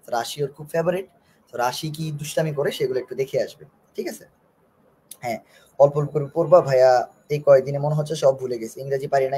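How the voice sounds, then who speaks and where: A man with a Bangladeshi Bengali accent, hoarse from a sore throat, giving a live-streamed admission lesson, joking and teasing and repeating key phrases while reading student comments. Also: medium pitch, dark tone. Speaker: online admission coach.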